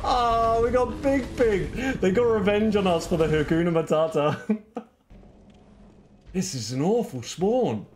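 Guy streaming a game, bouncy up-and-down voice, slow, faint hiss behind. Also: sits high, lively intonation. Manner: laughing, exclaiming at game enemies. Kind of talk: live gameplay commentary.

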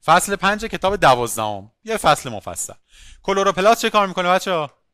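A male biology teacher giving an online class, lively, asking questions and calling on students by name. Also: sits high, smooth, dry recording, clean studio sound.

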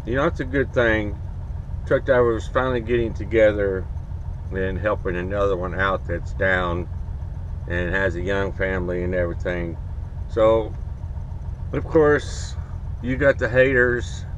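A middle-aged man, talking earnestly to camera from his truck cab as a trucker vlog host, rambling with pauses. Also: fairly low pitch. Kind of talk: casual monologue to camera. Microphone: camera on the dashboard. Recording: dull lo-fi sound with faint engine hum.

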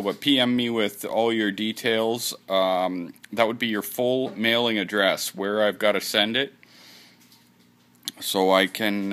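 His voice is fairly low with a fairly bright tone as he films his screen in a laid-back vlog about his channel giveaway. The talk meanders and is sprinkled with casual swearing.

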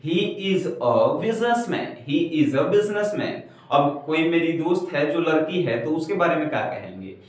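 A young man in his twenties teaching a basic spoken English lesson in a classroom at a whiteboard. He repeats each example sentence slowly and patiently. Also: a little high, big pitch swings, recorded from a distance. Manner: slow, repetitive teaching, saying each example twice. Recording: very echoey room, heard from afar.

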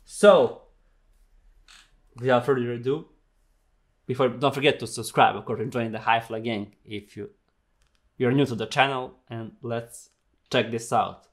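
A man's voice: medium pitch, fairly even intonation, unhurried, pauses often. A young man, a non-native English speaker, chatting casually and with plenty of swearing as the host of a reaction vlog. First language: not English. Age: young adult. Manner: profane, giggly, informal. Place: small home studio, indoors.

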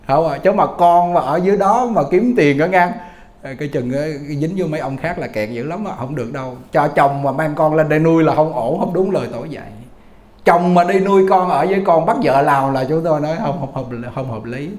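A Buddhist monk, giving a folksy Dharma talk full of stories and rhetorical questions. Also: male voice, fairly high pitch, a little fast, darkish tone, echoey room. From Vietnam. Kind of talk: Dharma talk to lay followers.

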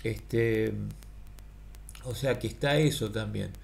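Man, middle-aged, gravelly voice, halting rambling monologue, webcam in a small room. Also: lowish voice, darkish tone. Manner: halting, many fillers and restarts, thinking aloud. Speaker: philosophical vlogger. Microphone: webcam at close range.

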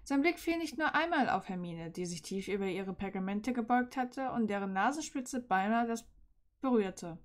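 A woman reading fan fiction aloud in a calm storybook manner, with small slips and restarts. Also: mid-range voice, normal speed.

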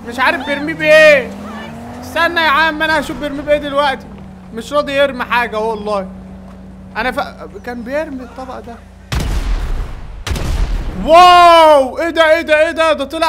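Egyptian-accented male gaming creator, very high bright voice, rapid excitable play-by-play commentary. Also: a little hiss or hum. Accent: Egyptian Arabic. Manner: excitable, yells at game characters. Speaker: gaming YouTuber.

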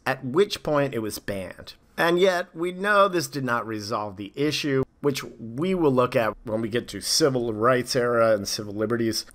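Guy teacher doing a voice-over lecture, bright punchy voice, steady and clear. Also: mid-range voice. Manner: clear, steady explanatory delivery with teacherly asides. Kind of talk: scripted lecture narration.

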